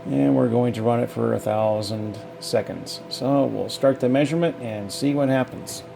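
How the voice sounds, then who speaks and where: A man with a mid-range, creaky voice gives a casual, off-the-cuff technical demonstration at normal speed while music plays in the background. A hobbyist, he's folksy and hesitant, thinking aloud as he goes.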